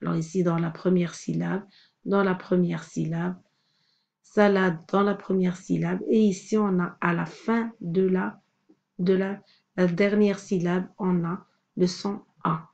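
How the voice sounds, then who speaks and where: Woman teacher going through phonics for little kids, super slow and patient, kinda muffled audio. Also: fairly low pitch, steady tone, creaky, a little mellow. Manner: patient, sounds out words slowly. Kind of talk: slow phonics lesson for young children.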